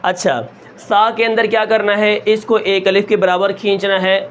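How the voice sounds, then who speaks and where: A man teaching Quran recitation step by step, asking questions and answering them himself, and stretching sounds slowly to show them. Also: high voice, little pitch movement, a bit bright, a little hiss or hum. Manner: asks the class a question, then answers it himself; draws out sounds long and slow to show them.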